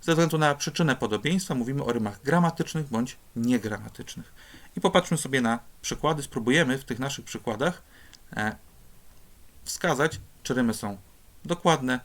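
A male teacher walks students through a lesson at an even, medium pitch. He explains patiently and step by step, pausing with small hesitations as he points to examples. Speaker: Polish teacher.

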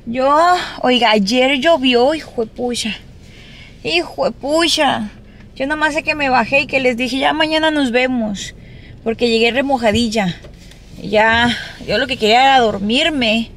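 A woman's voice: high voice, measured pace, a bit bright, a little hiss or hum. A woman chatting casually to her viewers in a vlog, talkative and full of exclamations. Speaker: vlogger. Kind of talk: casual vlog chat to camera.

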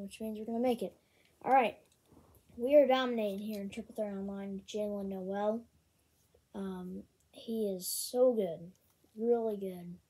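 A woman casually talking through a video game, with many ums and excited bursts over card pulls. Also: mid-range voice, slightly rough. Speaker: gaming channel host. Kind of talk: casual gameplay commentary.

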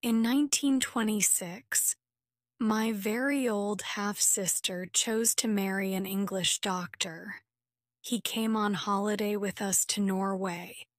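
Slow, careful woman narrator. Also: mid-range voice, fairly even intonation, dry recording, studio quality. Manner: slow, clear, careful reading. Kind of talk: graded-reader story narration.

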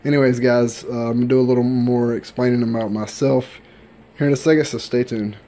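A man's voice: medium pitch, fairly even intonation, a little fast, dark tone. A man in his thirties, slightly under the weather, chatting casually and repetitively as a gaming YouTuber in his bedroom. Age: 30s. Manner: laid-back, chatty, repeats himself. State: slightly sick. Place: bedroom gaming setup, indoors. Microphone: desktop USB mic.

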